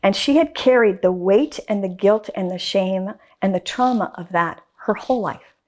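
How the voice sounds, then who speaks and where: A woman guest artist talking casually in a faith interview, telling a story with animated emphasis and repeated phrases. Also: medium pitch, moderate pace.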